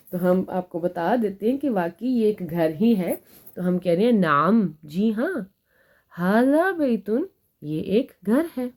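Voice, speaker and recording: Her voice fairly low and darkish, a woman gives an Arabic grammar lesson, patiently reading example sentences at a slow pace and then translating them.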